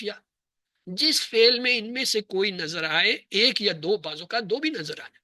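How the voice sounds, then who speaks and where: A man teaches Arabic grammar in a classroom lesson, walking through each example slowly and letter by letter. He keeps asking the class a question and then answering it himself. His voice is bright and forward, recorded close and dry with almost no room sound. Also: high voice, dry recording. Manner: slow, spelled-out listing of letters and words.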